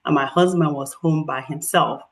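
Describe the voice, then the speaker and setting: In a low-quality recording, a middle-aged professor with a Nigerian accent presents research at a community meeting. Her voice is low and her pace moderate, and she tells animated stories with plenty of fillers.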